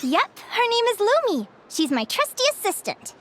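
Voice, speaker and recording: An actress playing a cheerful, curious young woman who works as a guild advisor, talking in a bubbly, animated way in a video game. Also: very high voice, normal speed, a little hiss or hum, exaggerated voice. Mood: explaining. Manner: bubbly and animated, given to giggles. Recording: game audio with clear music. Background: game music.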